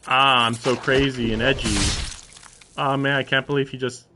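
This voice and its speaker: With background noise present, a man reads a visual novel aloud during a live stream in a mock-dramatic style, stopping for sarcastic and at times profane asides as he alternates live commentary with dramatic reading. His mid-range voice has a level tone at a moderate pace.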